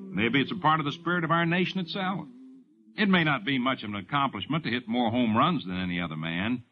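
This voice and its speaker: A man narrating a scripted radio documentary in an expressive, declamatory way. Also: mid-range voice. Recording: tinny 1950s radio broadcast.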